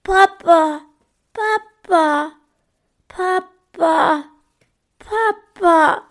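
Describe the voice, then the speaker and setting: A woman's voice: level tone, takes it slowly, heavily acted. A woman reading a storybook voices a frightened little boy who is crying. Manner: high, pleading, tearful.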